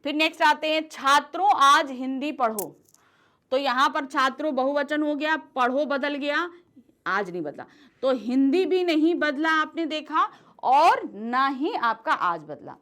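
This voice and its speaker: A woman with a high, bright voice teaches a grammar class, and her pitch rises and falls a lot as she explains. She asks the class questions and then answers them herself, checking in again and again to make sure everyone is following. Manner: checks in often with "ठीक है?".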